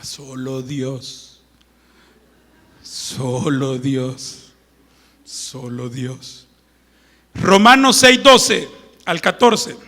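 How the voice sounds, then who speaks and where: A man preaching a Sunday sermon in a high, bright, gravelly voice, his words ringing with the long reverb of a church hall. He moves slowly and unhurriedly, shifting from loud, proclaimed scripture readings to hushed, playful asides. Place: church sanctuary.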